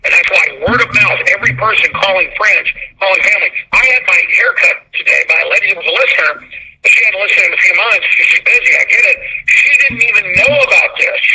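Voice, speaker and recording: A man's voice: high voice, fast talker, sharp tone, husky, rough recording. A man hosting a talk radio show, interviewing and commenting in an emphatic, urgent manner.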